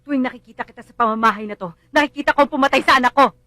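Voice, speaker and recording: A woman's voice: high-pitched, rapid-fire, sharp tone, no room sound. An actress playing a bereaved mother who bitterly blames others and lashes out in anger. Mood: furious. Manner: bitter, accusing, rising to screams. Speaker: grieving mother. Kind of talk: film drama acting.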